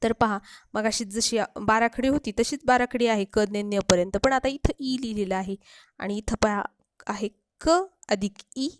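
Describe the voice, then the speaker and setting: A woman teacher giving a patient spelling lesson for children, repeating syllables slowly and stretching sounds. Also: medium pitch, steady tone, slight background noise.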